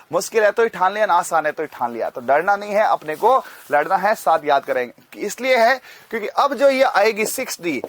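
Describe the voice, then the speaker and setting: A man teaching chemistry in an energetic, motivational way, often repeating phrases and slowing down to drill memory tricks. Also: a little high, no room sound. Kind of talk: energetic classroom lesson with mnemonic story.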